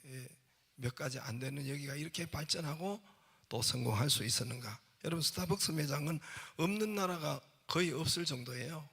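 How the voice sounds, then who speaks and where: In a church sanctuary, a male pastor preaches a sermon full of humorous anecdotes, telling jokes and asking his congregation questions. His medium-pitched voice is gravelly and fairly bright, with a breathy edge.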